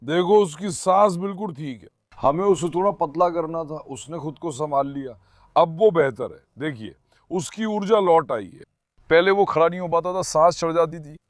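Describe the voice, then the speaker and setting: A man filming his dogs, talking to viewers and calling and calming the dogs. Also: a little high, moderate pace, no room sound, clean studio sound. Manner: talks to viewers and calms his dogs in turns. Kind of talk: casual commentary to viewers.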